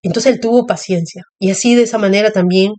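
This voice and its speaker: A woman's voice: medium pitch, steady tone, quick pace, a little mellow. A woman preaching a sermon, sharing personal testimony in an earnest, repetitive way and speaking directly to her listeners.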